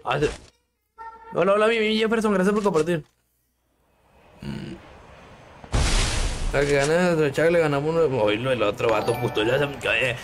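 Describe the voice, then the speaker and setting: A man's voice: fairly high pitch, normal speed, long pauses. Young man, Mexican Spanish accent, slangy joking streamer, noisy stream audio. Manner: crude, slangy, joking, greets viewers by name. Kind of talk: live game stream chat.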